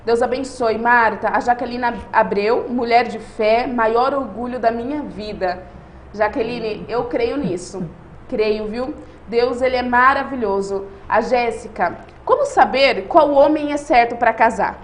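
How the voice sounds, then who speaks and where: A woman's voice: a little high, a little slow. A woman with a Brazilian accent hosting a live online show, speaking fervently and reading out viewer comments. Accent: Brazilian Portuguese. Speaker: host. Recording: echoey room with faint noise.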